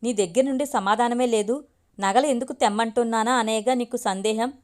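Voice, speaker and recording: A woman voicing a scheming young man who smoothly pressures his girlfriend in a storybook. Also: a little high, fairly even intonation, fairly quick, a little mellow, lightly acted. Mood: pressuring. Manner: insistent, smooth-talking.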